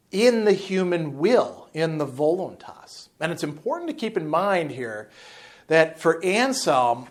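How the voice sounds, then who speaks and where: Animated man in his fifties lecturing. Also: a little high. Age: 50s. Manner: animated, gesturing, with asides and restarts. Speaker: philosophy lecturer. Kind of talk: unscripted lecture to camera. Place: indoor room in front of a chalkboard. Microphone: lapel mic.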